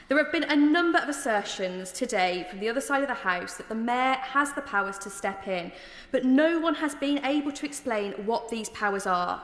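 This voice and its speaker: Higher-voiced woman speaking in an echoey chamber. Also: a bit bright. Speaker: member of parliament. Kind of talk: formal parliamentary debate speech. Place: large indoor parliamentary chamber. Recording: echoey chamber with long reverb.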